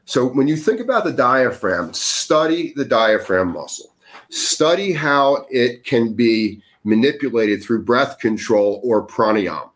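A man with a mid-range voice talks in an earnest, coaching way during a relaxed podcast chat. He leans into his points and grows more emphatic as he explains. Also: mid-range voice. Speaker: breathwork guest. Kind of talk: casual podcast conversation.

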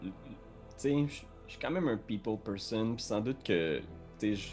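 A man's voice: on the low side, animated, moderate pace, a little mellow, faint music behind. A man playing a tabletop game, talking hesitantly with many restarts. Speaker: player.

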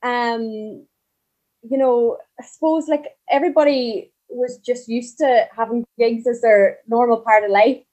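A woman's voice: on the high side, fairly even intonation, unhurried, darkish tone. A young woman with a Donegal accent from Ireland, chatting casually as a podcast guest over a remote call. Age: young adult. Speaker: podcast guest, country singer. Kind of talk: casual chat.

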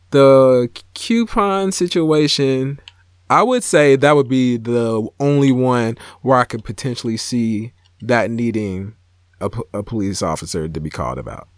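A man's voice: mid-range voice, a little slow, dry recording, clean studio sound. A man co-hosting a podcast, teasing his partner in casual banter and often trailing off mid-thought. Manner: teasing, hesitant, trails off and restarts. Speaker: podcast co-host.

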